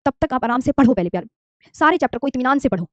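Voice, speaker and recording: A woman's voice: sits high, expressive, rapid-fire, dry recording. A woman in her thirties teaching a geography lesson, coaxing her students, repeating key terms and asking them to say them along. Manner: calls students "dear children", mixes English terms into Hindi. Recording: dry, slightly dull lo-fi mic.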